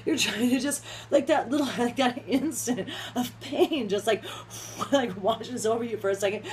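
A woman's voice: fairly high pitch, moderate pace. A young adult woman in a rambling, casual vlog rant, laughing often as she talks. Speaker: vlogger.

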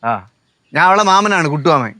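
An actor playing a stern, sensible uncle who scolds and reasons in a TV sitcom. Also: male voice, a little high, animated, normal speed, pushed and bright. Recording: TV sitcom with music underneath.

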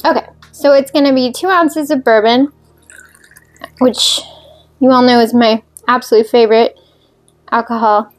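A woman with a higher, steady voice hosts a cocktail video, speaking a little slowly with long pauses. As she mixes drinks, she chats and rambles, filling gaps with fillers and making fun of herself.

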